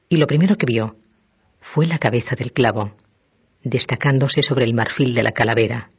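Husky male audiobook narrator. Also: mid-range voice. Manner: measured, dramatic reading. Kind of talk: audiobook narration of a classic novel. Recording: dull lo-fi recording.

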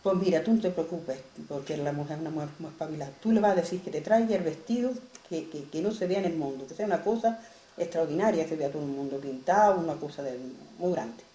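A woman's voice: sits low, mellow, roomy sound, lightly acted. A woman voicing a bossy, resourceful neighbor who scolds and reassures in a folk tale. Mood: coaxing. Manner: scolding, coaxing, quick reassurance.

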